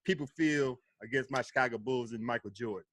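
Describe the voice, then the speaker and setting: A man's voice: medium pitch, brisk, a crowd in the background. A man guesting on a casual sports podcast, laid-back as he lays out his case point by point.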